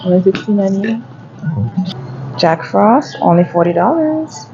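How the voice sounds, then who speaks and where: A woman's voice: medium pitch, expressive, unhurried, lo-fi sound, background noise. A woman gardening vlogger chatting casually as she walks a garden center and reads out plant prices. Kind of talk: casual shopping vlog commentary. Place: garden center of a home improvement store.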